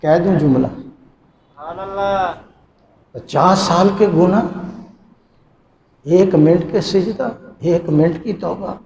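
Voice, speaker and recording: A man's voice: high-pitched, gravelly, long pauses, darkish tone, a little hiss or hum. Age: adult. Sex: man. Role: preacher giving a live sermon. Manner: dramatic storytelling, teases the crowd. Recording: echoey hall with PA. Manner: dramatic storytelling, teasing the audience, chanting verses melodically. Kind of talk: live Islamic sermon to a gathering.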